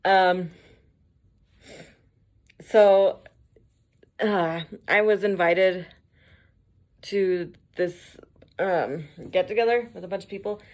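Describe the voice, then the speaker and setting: A woman's voice: mid-range voice, very slow, pauses often, darkish tone. A woman who works as a mail carrier, telling casual stories for her vlog, swearing, laughing often and acting out the voices of the people she quotes.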